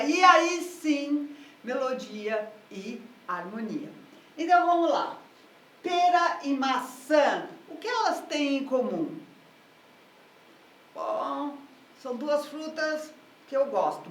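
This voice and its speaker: A woman's voice: high-pitched, a bit bright. A woman music teacher explaining harmony in a patient, step-by-step lesson. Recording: echoey room, mic at a distance.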